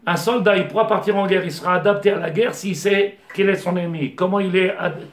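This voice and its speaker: A man's voice: high-pitched, brisk. A man, a rabbi, giving a Torah class to a small audience, digressive, firing rhetorical questions at the class and mixing in Hebrew terms. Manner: mixes Hebrew terms into French. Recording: echoey room.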